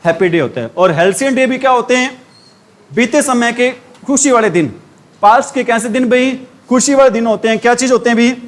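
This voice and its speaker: High-voiced Indian male teacher quizzing himself. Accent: Haryanvi Hindi. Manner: asks questions and answers them himself, drops into lower voice for answers. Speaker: English teacher. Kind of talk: classroom lecture on idioms.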